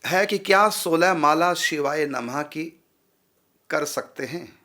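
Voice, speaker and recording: A man's voice: a little high, takes it slowly, pushed and bright. A man, a spiritual teacher, patiently explaining how to pronounce mantra syllables and repeating sounds to drill them.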